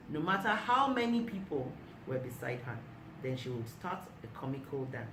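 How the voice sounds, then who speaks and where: A woman author reading aloud from her own book of short stories in a measured, deliberate way. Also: sits low. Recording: echoey room, mic at a distance, noisy.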